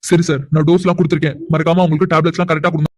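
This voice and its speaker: Casting: a man as a brisk, composed cartoon doctor with a high, fast voice and no room echo. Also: little pitch movement, close to an everyday voice. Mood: grave. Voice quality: measured, reassuring. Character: calm, formal male doctor.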